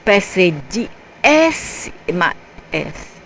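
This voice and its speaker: A woman reading a story aloud in a halting way, spelling out word endings letter by letter. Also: medium pitch, very animated, slight background noise, low-quality recording. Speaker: narrator.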